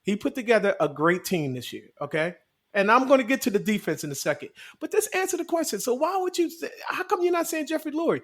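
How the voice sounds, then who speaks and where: A podcast co-host from the area, a man who argues football with animated swings in pitch. He repeats words and talks over his friends in casual debate. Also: fast.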